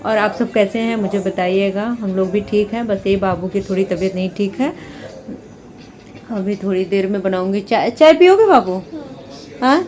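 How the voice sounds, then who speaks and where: A woman's voice: medium pitch, little pitch movement, normal speed, darkish tone. A woman in her thirties chatting casually in a home vlog, homely and rambling. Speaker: vlogger. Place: home kitchen.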